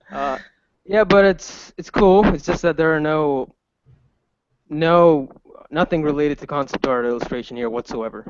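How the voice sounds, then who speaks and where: A man's voice: on the high side, a little slow, smooth, no echo. A young man from the Emirates, an art student, chatting casually and jokingly, dropping the odd swear word. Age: young adult. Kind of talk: casual chat on a call. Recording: dull lo-fi call audio with faint hiss.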